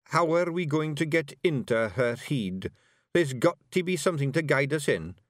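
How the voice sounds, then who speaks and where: A man voicing a tough, bossy little male fairy clan leader with a Scottish accent and a gruff, blunt way of talking. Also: a little high, expressive, moderate pace, dry recording, studio quality, pitched above the performer's own voice, close to an everyday voice.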